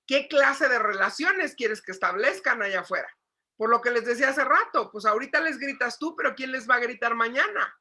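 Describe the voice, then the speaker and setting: A woman psychologist giving a lively lecture to parents, asking the audience questions and acting out shouting. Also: fairly high pitch, fairly quick. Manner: animated, asks the audience questions, acts out shouting.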